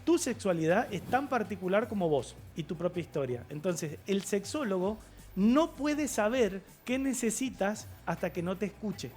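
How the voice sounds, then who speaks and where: A man, a guest sexologist on a TV talk show, explaining things in a measured way with filler pauses. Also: high-pitched, animated, darkish tone, faint music behind. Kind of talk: TV studio interview. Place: TV studio.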